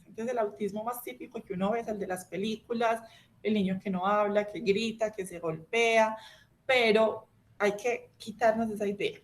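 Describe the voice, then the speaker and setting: A woman doctor giving an educational talk on children's language disorders, explaining step by step and often checking in with the listener. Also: medium pitch.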